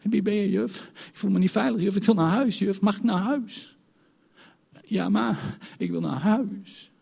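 A man's voice: high voice, a little slow, vocal fry, darkish tone, slightly rough, pitched above the performer's own voice, heavily acted. A man voicing a frightened small boy who pleads and protests to his mother, repeating "mam". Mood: panicked. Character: small boy, frightened and whiny, clinging to mom.

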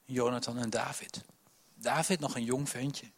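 A man preaching a sermon, telling Bible stories with many restarts, dropping to soft asides and rising to loud emphasis. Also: mid-range voice, steady tone, measured pace.

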